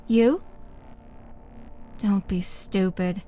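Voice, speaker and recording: A woman with a mid-range, dark-toned voice performs a towering, bloodthirsty half-orc murderess in an intimate audio roleplay, possessive, teasing and dramatic. She sounds menacing and imperious, speaking slowly and tauntingly with breathy dips toward a whisper. Background music plays beneath her.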